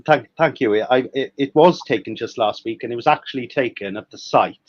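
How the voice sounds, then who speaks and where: A man's voice: medium pitch, fairly quick. A Welsh man in his thirties, a guest historian talking hesitantly over a video call, with many fillers and restarts. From Wales. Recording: dry, slightly muffled video call audio.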